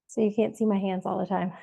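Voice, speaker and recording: A woman's voice: medium pitch, gravelly, a little mellow. A woman leading a workout over a video call, giving encouraging step-by-step cues while she exercises. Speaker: fitness instructor. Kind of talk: live workout instruction.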